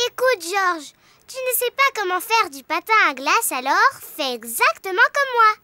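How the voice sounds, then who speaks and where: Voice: very high-pitched, sing-song, normal speed, sharp tone, no echo, exaggerated voice. A performer voicing a cheerful, boastful little girl pig in a preschool cartoon dub, giggly and sure of herself. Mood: bossy.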